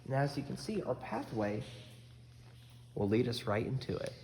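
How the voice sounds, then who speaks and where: Male cave tour guide, informal and explanatory, mid pitch, voice echoing heavily through a noisy cavern. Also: big pitch swings, moderate pace, darkish tone. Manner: explains formations step by step, accommodating. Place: inside a cave. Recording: very echoey cave, long reverb, clear background noise.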